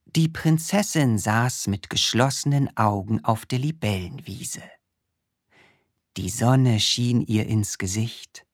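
Slow, husky woman reading a children's story. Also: rumbling low, no echo, studio quality. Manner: calm, very slow and expressive.

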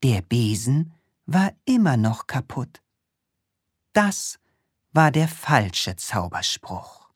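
Slow, low-voiced woman reading a children's story. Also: slightly rough, no room sound, clean studio sound. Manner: slow, expressive read-aloud.

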